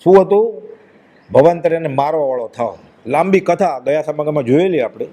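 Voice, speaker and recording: Man preaching a devotional talk, emphatic, lots of rhetorical questions, fairly high voice. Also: animated, brisk, warm tone. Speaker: religious speaker. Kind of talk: devotional discourse.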